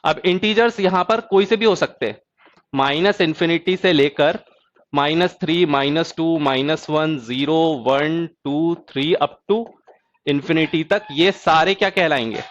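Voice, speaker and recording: A man teaching an exam-prep math lecture who keeps asking students if the point is clear and drawls key terms slowly. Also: on the high side, muffled recording. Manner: asks students check questions.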